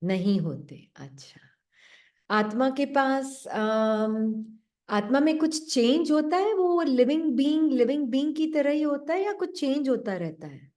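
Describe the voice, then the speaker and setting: Soft-toned woman teaching meditation. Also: very animated, unhurried. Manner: gentle, questioning, acts out the doubting mind in a low voice. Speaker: spiritual teacher. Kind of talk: spiritual talk to an online class.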